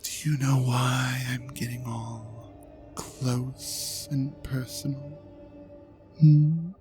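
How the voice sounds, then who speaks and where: A medium-pitched, steady voice plays a seductive, self-satisfied ancient dragon god in an intimate audio drama, speaking extremely slowly over music. Hushed and breathy, the half-whispered phrases tease and coax the listener.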